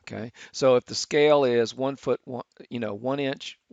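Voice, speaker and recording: A middle-aged man teaching architecture students, talking through a software tutorial with many fillers and restarts. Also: medium pitch, moderate pace, gravelly, no room sound. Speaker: architecture instructor. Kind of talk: screen-recorded software tutorial. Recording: dull, lo-fi screen capture.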